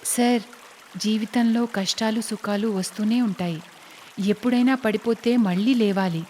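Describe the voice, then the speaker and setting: A woman voices a plucky young village vegetable seller in a cartoon story, sounding earnest, respectful, and encouraging. Her voice is a little high, a little mellow, and close to an everyday voice, at a moderate pace. There's long reverb, music behind her, and slight background noise.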